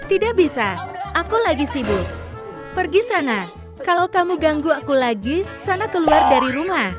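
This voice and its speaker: A woman's voice: sits high, very animated, moderate pace. A woman voicing a bossy, nagging young wife who scolds her husband curtly. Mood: irritated. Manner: scolding, curt. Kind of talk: dubbed skit acting. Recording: music playing behind.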